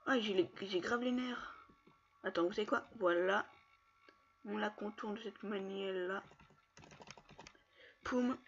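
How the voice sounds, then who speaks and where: A man commenting casually on his own online matches, taunting opponents and breaking into excited yells. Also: high voice, takes it slowly, pauses often, husky, dull audio. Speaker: gamer streaming gameplay.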